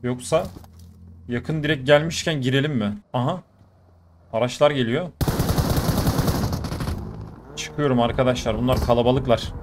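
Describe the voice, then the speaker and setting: A man giving casual running commentary over mobile shooter gameplay, talking to his viewers with sudden bursts of excitement. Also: mid-range voice, a little slow, pauses often, heavy background noise. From Turkey. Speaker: gaming YouTuber.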